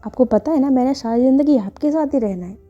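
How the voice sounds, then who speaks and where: A woman's voice: high voice, fast. A woman voicing a caring young woman who scolds her partner firmly but fondly. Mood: scolding fondly. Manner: firm, scolding yet fond. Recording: dull lo-fi with faint music.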